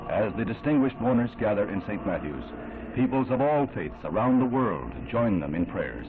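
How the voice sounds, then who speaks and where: A man giving solemn, measured, formal narration in an old 1960s newsreel. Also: lowish voice, sing-song. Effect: old 1960s newsreel sound. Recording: thin narrow-band old film audio with music underneath.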